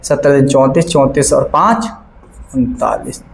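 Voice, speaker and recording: A man's voice: mid-range voice, measured pace, vocal fry. Male math teacher, classroom lesson, keeps quizzing the students; roomy, echoey sound. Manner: keeps asking the class questions and checking they follow; works sums aloud step by step, repeating numbers. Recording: echoey classroom, faint background noise.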